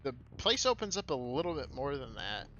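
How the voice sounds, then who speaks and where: A man's voice: medium pitch, sing-song, a little fast, fairly bright tone, highs cut off. A young man streaming a shooter game, complaining and swearing as he plays. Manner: profane, complaining, sardonic. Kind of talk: casual gameplay commentary.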